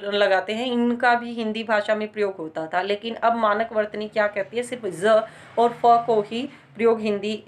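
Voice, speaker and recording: A woman teaching a grammar lesson, explaining slowly with frequent pauses and stressing example words. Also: fairly high pitch.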